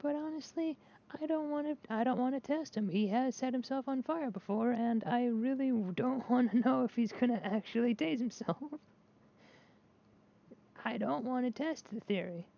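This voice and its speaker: This woman's voice sits on the high side yet sounds dark, with vocal fry and a moderate pace. Vlogging casually as she plays a game, she rambles hesitantly, restarting often and filling pauses, candid and self-deprecating, through a dull lo-fi mic with faint noise.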